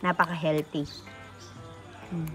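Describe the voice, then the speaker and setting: A woman's voice: deep voice, flat delivery, takes it slowly, a bit bright. Young woman, casual mom vlogger, cooing sing-song baby talk, faint music bed. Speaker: vlogger and mother. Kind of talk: casual family vlog chat.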